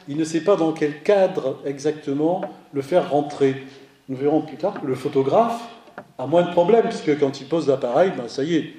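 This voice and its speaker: A man's voice: a little high, warm tone, roomy sound, a little hiss or hum. A man giving a slide lecture on art and photography, who trails off, corrects himself mid-sentence and drops dry humorous asides.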